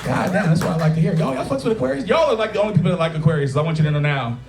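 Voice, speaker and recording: A stand-up comedian in his thirties fires off a crude, conversational set on a taproom stage, his slightly high voice rapid and expressive. He keeps checking in with the live crowd, and the echoey bar room fills with audience laughter.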